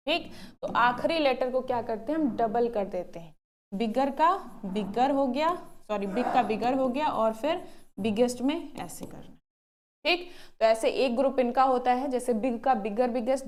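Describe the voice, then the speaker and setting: A woman's voice: on the high side, a little mellow. A woman teaching an online English lesson for exam students, patiently explaining, repeating points and asking rhetorical questions. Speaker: English teacher for nursing entrance exams.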